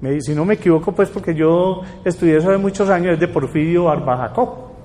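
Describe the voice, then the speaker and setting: Older male lecturer, high-pitched, lively and chatty, reverberant hall. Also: a little fast. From Colombia. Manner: lively, asks the audience rhetorical questions. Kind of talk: public talk to an audience.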